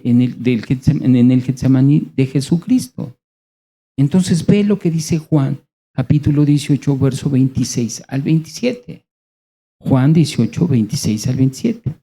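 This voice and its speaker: A man with a Mexican accent, preaching a sermon in a conversational way, with rhetorical questions and dramatic pauses. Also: medium pitch, warm tone.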